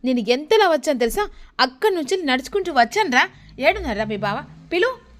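Brief: angry young wife, demanding, pitched high, put on by a woman narrator. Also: big pitch swings, brisk. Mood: indignant. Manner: indignant, demanding. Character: angry young wife hunting for her husband.

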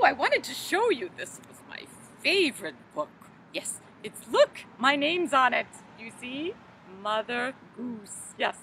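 A woman's voice: sits high, fairly bright tone, slight background noise, full character voice, poor audio. A woman as a fluttery old Mother Goose. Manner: flustered, fluttery, exclaims "oh goodness". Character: fussy, scatterbrained old female Mother Goose. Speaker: library storytime performer. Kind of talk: children's rhyme time in character.

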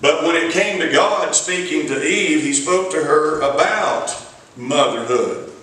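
Pitched fairly high, a little slow, and fairly bright, this middle-aged man with a Southern US accent delivers an evening church sermon like a folksy storyteller, stretching his words out. The recording comes from a distant camera catching the pulpit mic, leaving the small sanctuary echoey.

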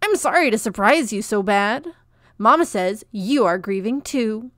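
A woman's voice: fairly high pitch, animated, measured pace, fairly bright tone, no echo, studio quality. A woman voicing a clingy, eager young boy with a sandpaper screech in a storybook read-aloud. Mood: apologetic. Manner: pleading, out of breath.

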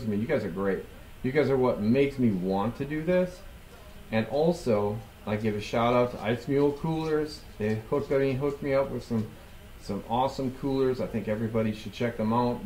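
A man's voice: medium pitch, a little mellow, slight background noise. Man, 40s, show host, casual rambling talk, headset mic, roomy echo. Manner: rambling, many ums and restarts. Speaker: podcast host. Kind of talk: casual chat to camera. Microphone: headset with boom mic.

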